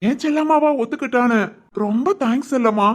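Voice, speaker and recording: A woman voicing an eager young man in love in an animated village family story, with a southern Tamil Nadu accent, speaking affectionately and chuckling often. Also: sits high, fast.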